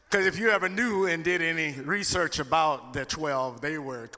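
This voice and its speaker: Male Southern US preacher, folksy call-and-response sermon delivery, bright forceful tone, long hall reverb. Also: a little high. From Louisiana, United States. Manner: folksy, conversational asides with call-and-response to listeners. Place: large echoing room, preaching to a gathering.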